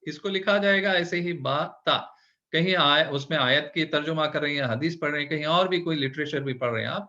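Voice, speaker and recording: A man teaching an online Urdu lesson, patient, repeating words slowly and checking often that the learner follows. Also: on the high side, pushed and bright. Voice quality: Hindi-English code-switching. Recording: dull lo-fi recording.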